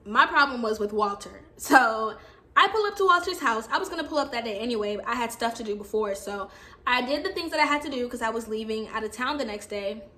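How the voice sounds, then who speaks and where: High, bright-voiced young woman storyteller. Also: lively intonation, brisk. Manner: dramatic, acts out quotes loudly. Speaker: storytime vlogger. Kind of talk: animated storytelling.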